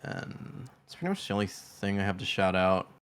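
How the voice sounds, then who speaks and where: A man with a fairly low voice joins a casual gaming chat as a guest. He speaks in relaxed, quick bursts, leaning on "like" between thoughts. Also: smooth. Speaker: guest streamer.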